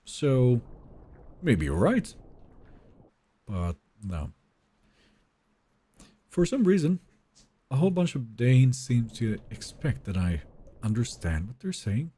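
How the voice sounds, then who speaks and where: Slow and sing-song, with long pauses, his medium-pitched voice has a mellow, breathy edge. The young man, a native Finnish speaker, is live-streaming gameplay from home, chatting informally and reading viewers' messages.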